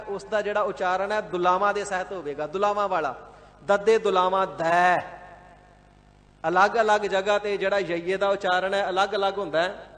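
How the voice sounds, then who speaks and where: A man giving a devout, measured scripture sermon, explaining and repeating words one by one and at times chanting a verse. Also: high-pitched, fairly bright tone, in a large hall. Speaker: Sikh scripture expounder. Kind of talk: line-by-line scripture exposition sermon. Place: large gurdwara hall.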